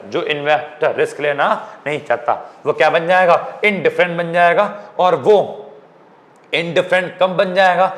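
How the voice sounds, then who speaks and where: A man's voice: on the high side, a bit bright. A young man from India teaching an economics lecture in an informal classroom style, often checking whether students follow.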